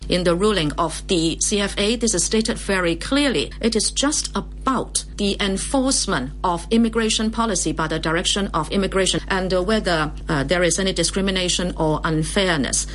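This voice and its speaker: A woman's voice: lowish voice, normal speed, hardly any pauses. A woman speaking as a live interpreter, translating a speech as it is given. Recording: noisy feed with hum.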